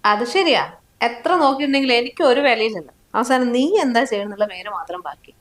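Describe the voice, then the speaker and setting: Higher-voiced, complaining wife in a drama. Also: female voice, animated, quick pace, fairly bright tone. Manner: complaining, hurt. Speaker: wife in a short film. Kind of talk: scripted drama dialogue.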